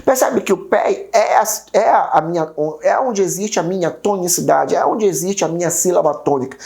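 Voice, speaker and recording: A woman's voice: lowish voice, normal speed, gravelly, darkish tone. A Brazilian woman teaching an exam-prep grammar lesson, repeating each rule and asking and answering her own questions. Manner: repeats key rules, checks in with viewers.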